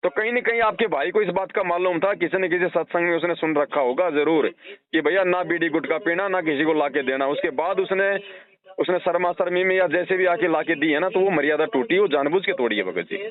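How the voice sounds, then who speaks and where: On a phone call, a religious counsellor gives a devotee earnest, explanatory devotional advice, leaning on everyday analogies. His voice is fairly high pitched and fairly quick. The phone-line recording is narrow and tinny.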